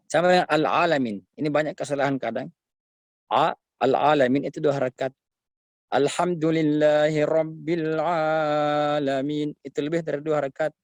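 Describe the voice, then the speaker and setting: A man teaching Quranic recitation in an online lesson, patiently showing each sound slowly and correcting it, sometimes breaking into a drawn-out melodic chant. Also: a little high, no room sound.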